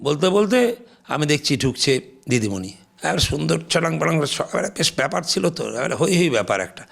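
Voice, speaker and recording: An older man from West Bengal, India, a guest in an interview, telling lively anecdotes and acting out the people he quotes. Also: on the high side, normal speed, gravelly. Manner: lively raconteur, acts out quoted people in Hindi.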